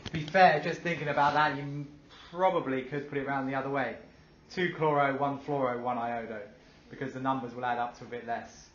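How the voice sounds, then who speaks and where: A man's voice: mid-range voice, fairly even intonation, a little fast, a bit bright, a little hiss or hum. A male teacher giving a classroom lesson, upbeat, asking the class questions and praising their answers. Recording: dull echoey classroom recording.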